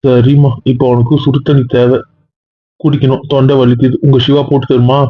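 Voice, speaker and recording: A man's voice: medium pitch, level tone, normal speed, no echo, natural voice. An actor playing a stern young man who lectures his family in a comedy-drama skit. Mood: stern lecturing. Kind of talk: casual web-series acting. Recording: tinny phone-like dry sound.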